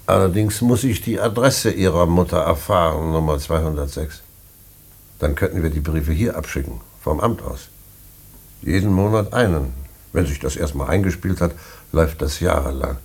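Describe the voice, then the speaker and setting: A man acts as a stern prison director in a German radio play, sounding officious, curt, and skeptical as he uses formal bureaucratic phrasing. His very deep, husky voice has a darkish, exaggerated quality at normal speed, and the mood is brisk and commanding.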